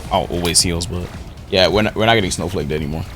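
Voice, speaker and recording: A young man giving casual live gameplay commentary, slangy and profane as he thinks out loud. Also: low-pitched, fast talker. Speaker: video game streamer. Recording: loud game music behind the voice. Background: video game music and effects.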